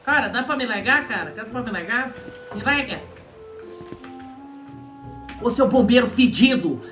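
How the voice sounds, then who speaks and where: Game role-play: a squeaky, bright, hysterical homeowner, panicked and pleading. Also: male voice, lively intonation, unhurried, faint music behind, exaggerated voice. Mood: frantic. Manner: panicked, whiny, pleading shouts. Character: frantic shouting man, house on fire, face tattoo. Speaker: streamer playing a role-play game character.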